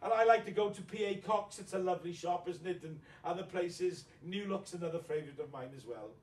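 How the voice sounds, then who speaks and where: A man's voice: sits high, brisk, a little mellow, close to an everyday voice. A man playing a vain, flirtatious widowed mother as a pantomime dame, gushing, coy and gossipy, in a mock interview. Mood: vain, chatty. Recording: echoey room, distant microphone.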